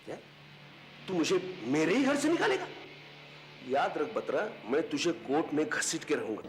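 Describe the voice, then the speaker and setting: An actor playing a bitter, volatile man who rages at his tenant and his father, often accusing and breaking into shouts. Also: a little high, a little fast, slight background noise, lightly acted. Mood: angry. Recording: dramatic music underneath.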